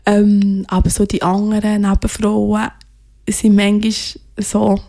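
Woman from Ghana, interview guest; soft, hesitant, searching delivery, mid pitch. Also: completely flat delivery, slow, vocal fry. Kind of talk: reflective personal interview.

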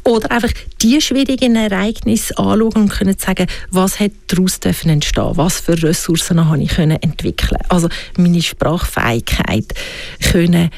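A guest from Switzerland talks in a reflective interview, her Swiss German accent noticeable as she keeps questioning herself out loud. Her voice is on the low side, gravelly and darkish, at a normal speed.

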